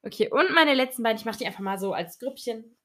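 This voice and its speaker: A woman's voice: a little high, lively intonation, quick pace, crowd noise. Chatty young woman recommending books. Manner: chatty, teasing, many fillers. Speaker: podcast co-host. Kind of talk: casual book chat.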